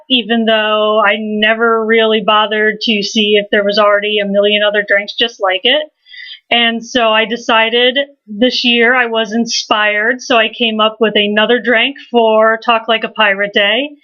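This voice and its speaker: A woman's voice: fairly high pitch, bright, forceful tone, dull audio. A woman hosting a casual drink-making video, chatty and rambling, with a self-deprecating tone. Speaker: host.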